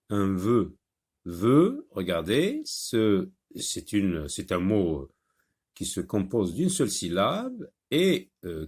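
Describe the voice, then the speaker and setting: A man teaching a French phonics lesson, saying each word slowly and repeating it with patience. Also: mid-range voice, a little mellow. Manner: slow, patient, repeats words clearly.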